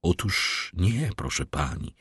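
A man voicing a grave, tormented middle-aged prosecutor in an audiobook, speaking slowly and measuredly. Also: deep voice, expressive, no room sound, clean studio sound. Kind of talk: audiobook character reading.

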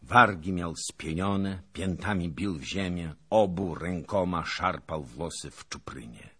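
A man narrating a historical novel as an audiobook, with a dramatic, expressive reading. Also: deep voice, unhurried, husky.

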